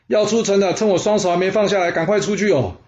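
A man voicing a relaxed, boastful strongman general calling out cheerfully in a slightly raised voice. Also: high-pitched, quick pace, roomy sound, muffled recording, lightly acted. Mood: carefree.

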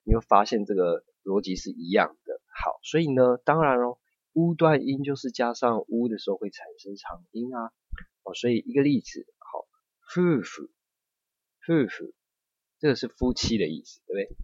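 A man's voice: medium pitch, lively intonation, brisk, breathy edge, dry recording. Man, patient language teacher, dry close sound, slightly muffled lo-fi recording. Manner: patient, explains step by step with frequent checks. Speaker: Japanese teacher. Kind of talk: online language lesson.

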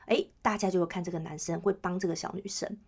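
A woman's voice: lowish voice, steady tone, fast, vocal fry, darkish tone, breathy edge. A woman host, chatting on her own podcast and often checking in with listeners. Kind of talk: casual solo chat.

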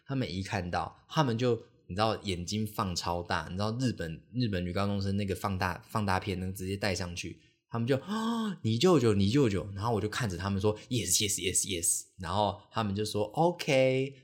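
A man's voice: low voice, fairly quick, few pauses. A young man hosting a podcast, telling a casual, rambling story full of fillers and restarts and acting out the people he quotes. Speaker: podcast host.

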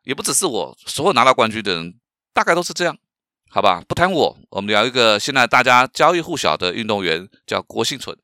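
A middle-aged man from Taiwan hosts his own podcast, talking in an animated, swooping pitch. His tone is bright and forceful, and he leans on fillers and rhetorical questions as he tells stories. The sound is close and dry, with no room around it. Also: fast, no echo. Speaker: podcast host and professional speaker. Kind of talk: solo podcast talk.

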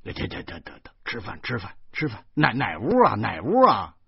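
A man's voice: lowish voice, wildly swooping pitch, normal speed, gravelly, breathy edge, dry recording, full character voice. A man voicing a boastful man in his thirties who stutters constantly, with a Beijing accent. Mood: boastful stammer. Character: stammering pompous man in his thirties, show-off. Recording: dull lo-fi recording.

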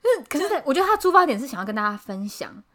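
A woman in her thirties with a Taiwanese Mandarin accent, hosting a casual podcast chat and telling animated stories about coworkers. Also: high voice, rapid-fire. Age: 30s. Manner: animated storytelling, acting out quoted coworkers. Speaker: podcast host.

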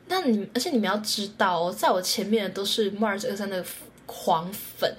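A young woman hosting her own podcast, telling a story in a casual, animated way, her voice jumping high when she quotes her own excitement. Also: moderate pace, a little hiss or hum. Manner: animated, jumps to high squeals when quoting herself. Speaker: podcast host.

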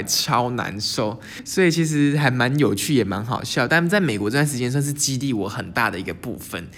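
Fast-talking man telling stories. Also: medium pitch. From Taiwan. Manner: lively storyteller mixing English words into Mandarin. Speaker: channel host. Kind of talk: casual storytelling monologue.

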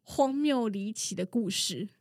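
Loud, excitable woman podcast host. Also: on the high side, a little slow, no echo, studio quality. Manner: loud, excitable, laughs often. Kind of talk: casual storytelling chat.

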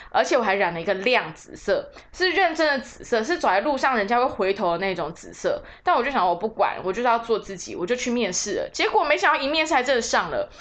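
A woman's voice: on the high side, a bit bright. A woman, hosting a podcast and telling stories about her work as a tour leader in a chatty, self-mocking way. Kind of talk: casual storytelling podcast.

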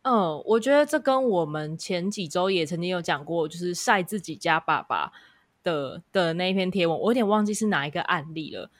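A woman's voice: lowish voice, lively intonation, a little fast, no room sound. A woman with a Taiwanese Mandarin accent co-hosting a casual podcast conversation. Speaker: podcast co-host.

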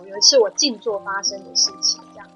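A woman guest on a talk podcast tells a personal spiritual story in an earnest, emotional way, softening her voice for quoted dialogue. Her voice is medium in pitch and fast, with faint music behind and low-quality recording.

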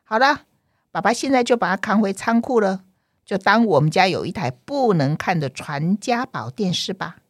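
A woman with a Taiwanese accent voicing a sentimental, good-natured father in a children's story, expressive and fond of old things. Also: mid-range voice, moderate pace, dry recording, studio quality, natural voice. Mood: resigned.

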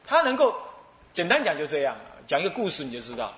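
A man's voice: a little high, wildly swooping pitch, fast talker, a bit bright, echoey room. A male Buddhist abbot with a Taiwanese Mandarin accent, preaching a sermon as a playful, laughing storyteller. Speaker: abbot and dharma teacher.

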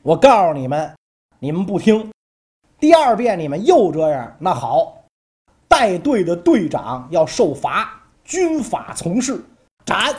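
A woman voicing a calm, confident male general of ancient times who is strict with his troops, in a storytelling podcast. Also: sits low, fairly quick. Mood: angry. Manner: offhand modesty turning to stern commands.

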